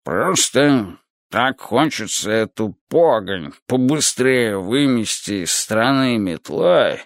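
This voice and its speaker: A man voicing an elderly male Soviet leader who chairs a meeting in a slow, tired drawl, in an audiobook reading. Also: medium pitch, expressive, no room sound, clean studio sound. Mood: weary drawl.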